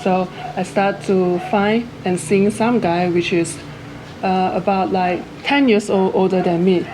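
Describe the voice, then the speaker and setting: A woman's voice: mid-range voice, fairly even intonation, measured pace. Chatty Malaysian-born woman in her thirties. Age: 30s. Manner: chatty, non-native phrasing, storytelling. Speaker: co-host. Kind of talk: casual chat. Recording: noisy background hiss.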